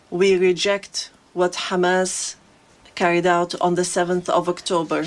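Female interpreter, translation voice-over, low, flat, measured delivery.

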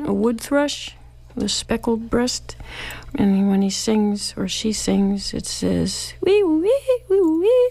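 Gravelly-voiced woman explaining. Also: mid-range voice, dark tone. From New York City. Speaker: singer, guest. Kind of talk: interview.

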